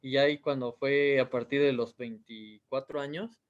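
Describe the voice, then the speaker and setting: A Mexican author in his thirties answers interview questions in a rambling way, full of fillers, with a Mexican Spanish accent. His voice is medium-pitched and steady at a moderate pace, and the sound is lo-fi.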